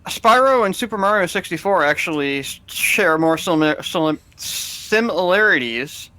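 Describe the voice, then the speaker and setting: A man's voice: high voice, lively intonation, normal speed, sharp tone, poor audio. A man co-hosting a casual podcast, bantering in a joking put-on posh voice. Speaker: podcast co-host.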